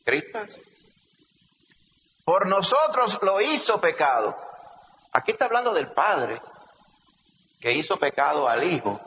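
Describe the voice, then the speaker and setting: A man with a Puerto Rican accent preaching a sermon, animated, asking rhetorical questions and calling listeners brother. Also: medium pitch, a little hiss or hum. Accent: Puerto Rican Spanish. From Puerto Rico. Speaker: pastor. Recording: echoey hall, slightly dull sound.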